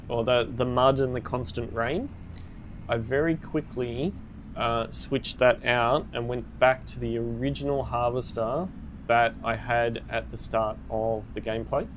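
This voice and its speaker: A man's voice: medium pitch, steady tone, measured pace, a little hiss or hum. A man streaming a game live, chatting casually with viewers and reacting with upbeat exclamations.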